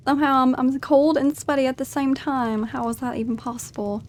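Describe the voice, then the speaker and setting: A woman's voice: high-pitched, fairly even intonation, normal speed. A woman giving chatty, giggly commentary as she role-plays through a video game. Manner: giggly, chatty, narrates her character's feelings. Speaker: gamer narrating her playthrough.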